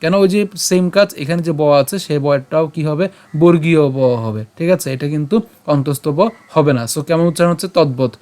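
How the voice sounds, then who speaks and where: A man with a slightly high voice leads a pronunciation lesson on scripture verses. He breaks every word into syllables, explains each sound, and chants the verse lines slowly. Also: darkish tone. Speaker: Gita recitation teacher.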